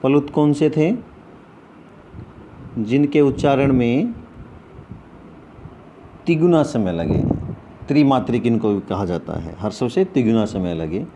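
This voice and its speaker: A man leads an online lesson at a deliberate, unhurried pace, his voice mellow and low in brightness. He drills his pupils with questions and then answers them himself. A faint noise sits under the recording. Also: lively intonation. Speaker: Sanskrit teacher. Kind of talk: online class lecture.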